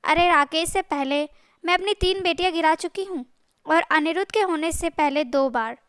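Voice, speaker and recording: Woman doing a scornful older mother-in-law: scolding, sharp, close and dry. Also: very high-pitched, normal speed, no echo.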